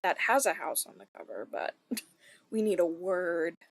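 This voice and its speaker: A woman streaming a co-working session, thinking aloud in casual self-deprecating chat with soft muttered asides. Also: on the low side, big pitch swings, normal speed.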